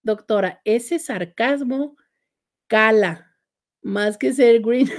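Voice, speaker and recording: A Mexican woman therapist hosting a relaxed live stream, her voice sitting a little above the usual female pitch. She reads viewers' comments aloud with teasing sarcasm and frequent laughs, in loose, chatty speech. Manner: playful, sarcastic, laughs often. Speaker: couples therapist and host.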